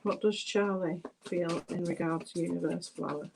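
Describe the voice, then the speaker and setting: A woman's voice: lowish voice, steady tone, normal speed, vocal fry, noisy background. A British woman giving a chatty live tarot reading, addressing viewers by name and thinking aloud as she turns the cards. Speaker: tarot reader.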